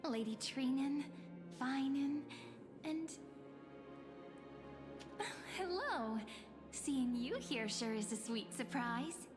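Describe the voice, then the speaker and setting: An actress playing a sweet, playful young woman in an anime-style game, teasing and gentle with theatrical delivery. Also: high-pitched, slow pace. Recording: long reverb, music over voice.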